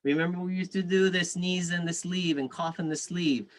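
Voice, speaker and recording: A man's voice: sits high, fairly even intonation, moderate pace. Spanish-accented man teaching an online workshop. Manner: friendly, reads chat aloud, frequent fillers. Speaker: food safety workshop instructor.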